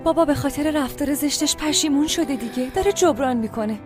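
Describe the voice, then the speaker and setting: A woman's voice: sits high, over music, close to an everyday voice. An actress voicing a curious, supportive young woman friend in a dubbed TV drama.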